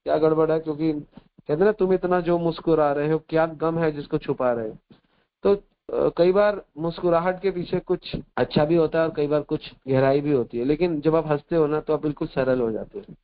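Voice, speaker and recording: A man's voice: a little high, moderate pace. A man giving a spiritual discourse as a devotional teacher, switching between Hindi and English and repeating his phrases, with a chatty storytelling manner. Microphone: video call. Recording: dull lo-fi online call audio.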